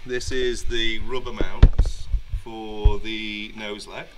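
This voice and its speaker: A man in his forties, an aircraft maintenance engineer, speaks slowly and flatly in a lowish voice while chatting through a hands-on job, often restarting his sentences. He's in a large indoor aircraft hangar, with heavy background noise.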